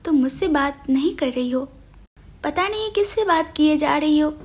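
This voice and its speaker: A woman's voice: sits high, lively intonation, moderate pace, darkish tone. A woman reading the lines of a drunk, childish young man who sulks and pleads in a storybook romance. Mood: sulky, tipsy. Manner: sulky, whiny pleading.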